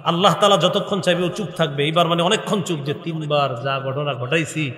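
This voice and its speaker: A man's voice: a little high, fairly even intonation, brisk, a bit bright. A man preaching a storytelling sermon, quoting Arabic in a chant and calling out questions to the crowd. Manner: storytelling with call-and-response to the crowd. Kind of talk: Islamic sermon (waz). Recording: echoey PA with long reverb.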